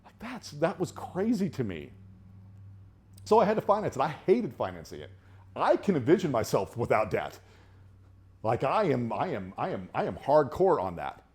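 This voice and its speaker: Man, middle-aged, class instructor, conversational lecture, rambling, frequent restarts, more animated during personal stories. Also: moderate pace. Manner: grows more animated and higher when telling personal stories.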